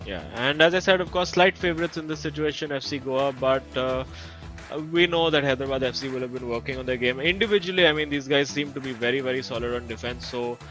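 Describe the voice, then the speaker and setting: A man's voice: mid-range voice, quick pace, sharp tone, soft background music, rough recording. A man co-commentating an esports football match, chatty and analytical, with many fillers and restarts.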